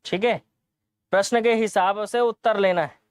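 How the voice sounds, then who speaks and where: A man's voice: high voice, steady tone, normal speed, smooth, dry recording, clean studio sound. A man teaching an exam-prep lesson, explaining answers, repeating key points and asking the class rhetorical questions.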